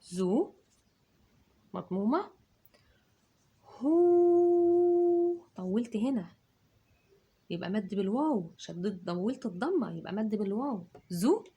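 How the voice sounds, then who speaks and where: A woman's voice: medium pitch, sing-song, normal speed, dark tone, husky, dull audio. A woman with an Egyptian Arabic accent giving a children's dictation lesson, stretching out each syllable as she dictates. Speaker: teacher.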